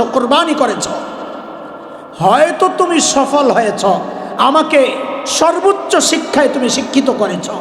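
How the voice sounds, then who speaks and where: A man voicing a grieving middle-aged son who cries out loudly to his dead father in a pleading lament. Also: very high voice, pitched above the performer's own voice, full character voice. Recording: echoey hall with long reverb.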